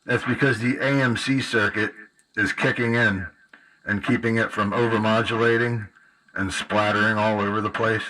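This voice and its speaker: A man's voice: lowish voice, steady tone, normal speed, bright, forceful tone. A man casually narrating a demo of a CB radio he built, slangy and upbeat. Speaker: CB radio builder.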